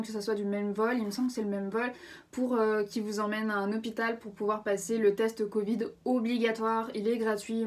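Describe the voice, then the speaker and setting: A woman's voice: on the high side, darkish tone, far from the mic. A French woman in her twenties chatting casually in a vlog, full of fillers and self-corrections. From France. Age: 20s. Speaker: vlogger.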